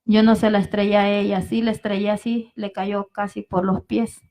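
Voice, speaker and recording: This is a woman giving a personal testimony at a church vigil. She talks earnestly and keeps turning to the congregation. Her voice is mid-pitched and keeps a narrow, even melody. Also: normal speed. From El Salvador. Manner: earnest, repeatedly addresses the congregation as brethren. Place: evangelical vigil service.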